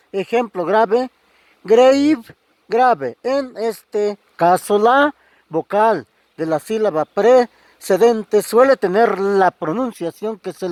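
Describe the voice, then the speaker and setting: Very high, slow-speaking male teacher. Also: a little mellow, dry recording. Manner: repeats each word slowly and deliberately. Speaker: language teacher. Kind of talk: slow pronunciation lesson, repeating words.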